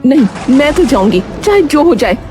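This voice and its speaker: A woman's voice: sits high, very animated, moderate pace, music in the background, pitched above the performer's own voice. Woman doing a greedy, headstrong wife. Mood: greedy, insistent. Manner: insistent, sharp-tongued.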